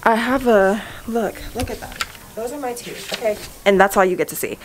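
A woman's voice: mid-range voice, moderate pace, a little hiss or hum, rough recording. A woman in her thirties chatting casually and nervously to viewers on a handheld camera, candid and talkative. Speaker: family vlogger. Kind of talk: casual vlog chat to viewers. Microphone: handheld camera at arm's length.

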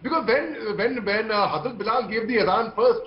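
Joining a TV debate from an indoor room over video call, this army veteran panelist has an Indian accent and a voice that sits high, speaking at a normal speed. He argues emphatically, passionately, and repetitively, with muffled, echoey audio from the call microphone.

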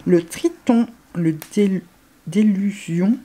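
A woman gushing over makeup swatches, excitable, often dropping to hushed murmurs. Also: mid-range voice, slow pace. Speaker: beauty vlogger.

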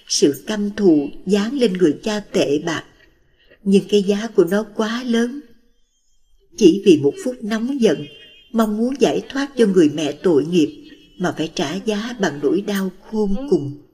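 A woman with a Southern Vietnamese accent narrating a true-crime TV program in a solemn, measured tone. Her voice is dark and husky, with a long reverb trailing each line. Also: mid-range voice. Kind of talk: scripted documentary narration.

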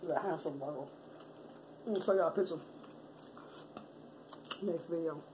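A woman vlogging casually while eating, talking slowly through a mouth full of mussel with smacking sounds between bites. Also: deep voice, poor audio. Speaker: mukbang YouTuber. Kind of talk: casual eating vlog chat. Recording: steady background noise.

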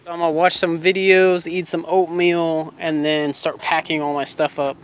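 A man's voice: a little high, level tone, normal speed, slight background noise. A young man chatting casually to his phone camera while walking by a road, out of breath and rambling. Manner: chatty, rambling, self-deprecating. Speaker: vlogger. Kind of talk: casual vlog talk to camera. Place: outdoors by a busy road.

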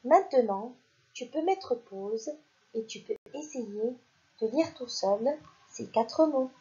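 Woman teacher for a kids' reading lesson, very slow and deliberate, mellow tone, dull lo-fi recording. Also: on the high side, lively intonation. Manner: slow, deliberate, sounding out syllables. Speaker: primary school teacher. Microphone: voice-over for slides.

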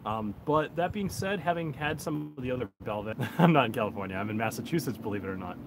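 A man in his thirties from the United States hosts a whiskey-review livestream outdoors on a backyard deck, rambling in a laid-back way and chuckling often. His medium-pitched voice is expressive and quick. The phone on a tripod gives a noisy outdoor recording.

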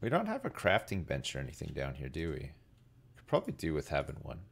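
A middle-aged man with a low-pitched voice chats to viewers while gaming. He rambles in a laid-back way and swears freely. He is close on the mic at a desk indoors, with clear noise and clicking behind him. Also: wildly swooping pitch, fast talker. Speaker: game streamer. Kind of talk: casual live gaming commentary, chatting with viewers.

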